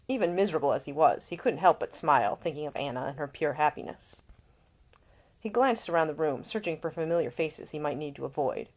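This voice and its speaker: Here a woman author reads her own fiction from home, her voice low and slightly mellow. After an informal introduction, she moves into expressive audiobook-style narration, keeping a relaxed storytelling feel.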